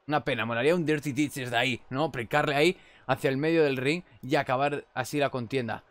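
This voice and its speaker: A young man with a Spanish accent commentating on a wrestling video game. He chats casually and shouts at big moves. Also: medium pitch, steady tone, quick pace. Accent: Spain Spanish. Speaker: gameplay commentator.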